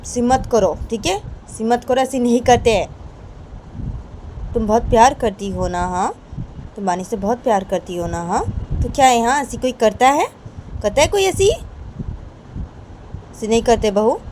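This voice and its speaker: A woman's voice: a little high, moderate pace, pauses often, a little mellow, slight background noise, voice pushed up, lightly acted, poor audio. A woman voicing a stern older mother-in-law who lectures in repetitive phrases. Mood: lecturing.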